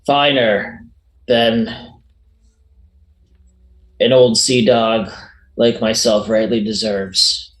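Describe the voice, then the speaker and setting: A man voicing a gruff, sentimental old sea dog, like an old fisherman, speaking with earnest formality in a tabletop game. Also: fairly low pitch, fairly even intonation, extremely slow, long pauses, fairly bright tone, echoey room, poor audio. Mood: humble, grateful. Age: older.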